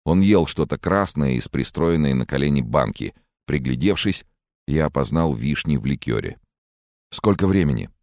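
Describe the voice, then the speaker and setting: A man reading a first-person thriller audiobook in a calm, even way, close to the mic. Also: rumbling low, moderate pace, no room sound. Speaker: audiobook narrator.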